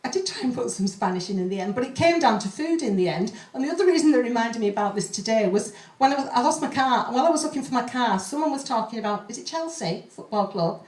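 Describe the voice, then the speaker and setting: A woman's voice: a little high, expressive, quick pace, hardly any pauses, a little mellow, far from the mic. A woman poet chatting in a rambling, nervous, self-deprecating way to an audience as she introduces her poems at an open mic. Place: live open mic room. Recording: echoey room, off the mic.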